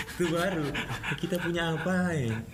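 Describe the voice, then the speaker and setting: A man's voice: a little high, unhurried. Chatty male host in a noisy echoey room. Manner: lively, laughs easily, chatty questions. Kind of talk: casual chat.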